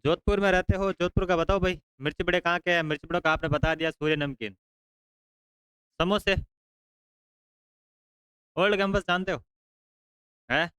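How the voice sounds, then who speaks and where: A male teacher, bantering with his class and teasing students into speaking up loudly. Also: high-pitched, normal speed, long pauses, clean tone, dry recording, low-quality recording.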